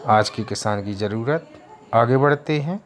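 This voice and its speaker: A man teaching an online English lesson, reading English slowly word by word and then explaining it in Hindi. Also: medium pitch.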